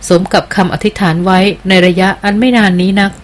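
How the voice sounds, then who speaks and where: A woman's voice: medium pitch, steady tone, a little fast, close to an everyday voice. A woman reading aloud as a loyal jungle queen who speaks with earnest, deferential respect in an audiobook.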